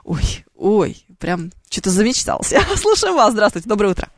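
A woman's voice: mid-range voice, very animated, moderate pace, dry recording. Chatty woman radio host. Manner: chatty, playful, thinks aloud with fillers. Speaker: radio traffic show host. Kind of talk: live call-in radio chat. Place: radio studio. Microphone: studio microphone.

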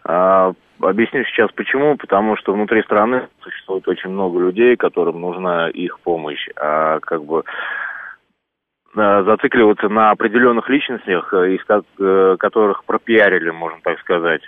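A man calling in, deep voice on a tinny phone line. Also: no room sound. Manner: nervous, halting, first time on air. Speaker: radio show caller. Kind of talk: call-in opinion.

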